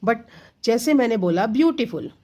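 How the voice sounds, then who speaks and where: This teacher's voice is fairly high-pitched, expressive and darkish, at a moderate pace. She gives children an exam-prep grammar lesson, patiently explaining each step in Hindi and English and regularly answering her own questions.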